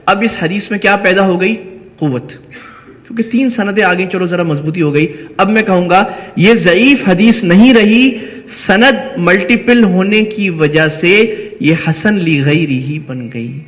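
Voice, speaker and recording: A man's voice: high voice, fairly bright tone. A man with a Pakistani Urdu accent, an Islamic scholar giving a lecture who explains step by step and asks and answers his own questions. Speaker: Islamic scholar teaching hadith studies. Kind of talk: classroom lecture. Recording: long hall reverb.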